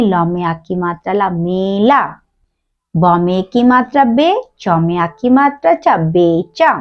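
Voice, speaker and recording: A woman teaching small children to read, calling out each syllable slowly in a sing-song classroom manner. Her pitch swings widely and she takes her time, and the sound is dull and lo-fi. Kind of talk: children's Hindi phonics lesson. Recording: dull lo-fi recording.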